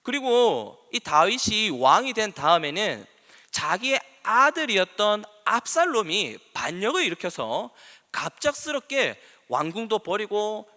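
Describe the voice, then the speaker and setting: A man preaching a sermon in a church, animated and dramatic, acting out the scripture quotes with strong emphasis. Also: high-pitched. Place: church sanctuary. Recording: long reverb of a church hall.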